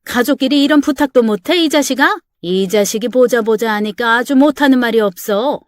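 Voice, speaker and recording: A woman's voice: on the high side, brisk, dry recording, clean studio sound, natural voice. A woman voicing a selfish, scolding middle-aged mother-in-law in a dramatized story reading. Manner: sharp, scolding, self-pitying.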